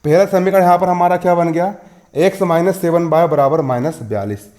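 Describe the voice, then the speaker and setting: Speaking a little fast in a fairly high, darkish-toned voice, a maths teacher in his twenties walks pupils through a school lesson step by step. He repeats key phrases, poses questions he then answers, and checks that everyone understands.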